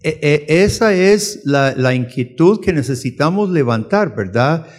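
A man from the United States teaching a church class and taking questions, speaking earnestly with halting restarts and growing urgency. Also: on the high side, expressive, long reverb tail. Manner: earnest, rises to forceful urgency when preaching. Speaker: missionary teacher.

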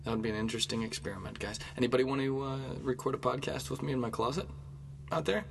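A man's voice: mid-range voice, fast talker. A man hosting a casual comedy podcast, rambling and joking at his own expense from inside a small clothes closet. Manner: rambling, self-mocking joking. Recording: small closet room, clear background noise and hum.

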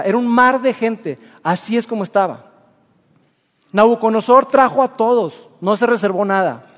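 A preacher retells a story in a lively, colloquial way. His voice sits high for a man. Long reverb from the hall hangs after his words. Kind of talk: sermon storytelling.

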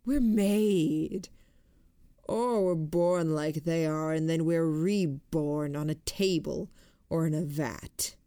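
A woman reading an audiobook, voicing a calm, detached woman who is a killer and lectures slowly. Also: low voice, no room sound, clean studio sound. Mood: cold, detached.

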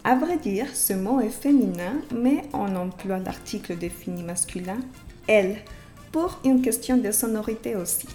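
A woman hosting a podcast language lesson who explains slowly and carefully, and who repeats example words for her learners. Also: mid-range voice, lively intonation, warm tone, faint music behind. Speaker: Spanish teacher and podcast host.

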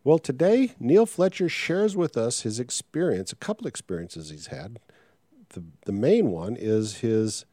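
A man's voice: mid-range voice, big pitch swings, measured pace, dark tone. A man hosting a podcast in a casual, conversational way, making announcements to his listeners. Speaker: podcast host.

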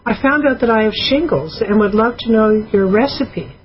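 A woman's voice: a little high, expressive, normal speed. A woman co-hosting a radio show, reading listener emails aloud in a chatty, teasing way. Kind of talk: casual radio call-in talk. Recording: dull lo-fi radio audio with faint hiss.

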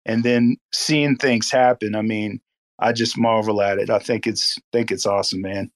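A man's voice: lowish voice, steady tone, moderate pace, no echo. A man speaking casually and reflectively, with admiration, in an online group chat. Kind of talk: casual talk in an online audio space.

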